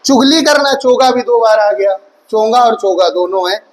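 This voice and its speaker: A man with a strikingly high voice teaches an online exam-prep class. He reels off word lists and keeps asking rhetorical questions, speaking to his students fondly as his children. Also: moderate pace, poor audio. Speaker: Hindi teacher.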